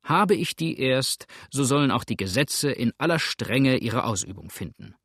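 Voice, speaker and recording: A cautious, earnest justice of the peace, as a male reader gives him, measured in every phrase. His pitch sits in a middle range, and the sound is dry and close. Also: animated, a bit bright, husky, no room sound. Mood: reassuring.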